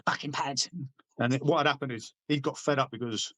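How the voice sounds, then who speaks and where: A middle-aged British army veteran, guesting on a podcast, tells laddish anecdotes in a casual way, swearing freely and acting out the lines he quotes. His mid-range voice is steady and a bit bright, and he talks at a quick pace. The recording has no room sound.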